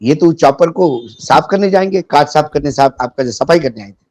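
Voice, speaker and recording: Mellow-voiced sarcastic male commentator. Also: on the high side, lively intonation, moderate pace, no room sound. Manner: biting, sarcastic, tells jokes and anecdotes. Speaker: political commentator guest. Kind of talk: sarcastic political discussion.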